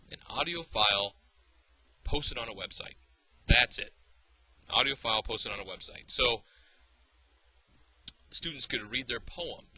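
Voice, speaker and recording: A man teaching a software tutorial, explaining patiently step by step with small fillers and restarts. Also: mid-range voice, breathy edge, low-quality recording. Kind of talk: screencast tutorial.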